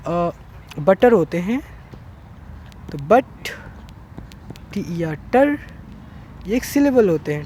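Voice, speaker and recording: A man's voice: high-pitched, a little mellow, slight background noise. A man teaching an English grammar lesson online, explaining step by step and checking in with "theek hai" often. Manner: slow, repetitive explaining with frequent "theek hai".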